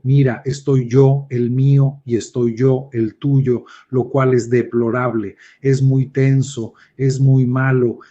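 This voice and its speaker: A man's voice: mid-range voice, mellow. A man teaching a reflective spoken lesson, speaking directly to the listener in a musing way. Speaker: lecturer.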